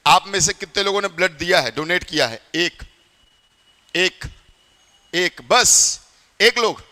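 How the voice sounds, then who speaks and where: High, bright-voiced Hindi teacher in a reverberant hall. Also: male voice, takes it slowly. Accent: north Indian Hindi. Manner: chatty, quizzes students often. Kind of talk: classroom lecture. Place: classroom.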